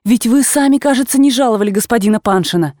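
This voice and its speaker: A woman voicing a quiet, gentle young woman in an audiobook, speaking softly and with restraint. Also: on the high side, fast, dry recording, studio quality, natural voice. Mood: subdued. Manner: soft, subdued.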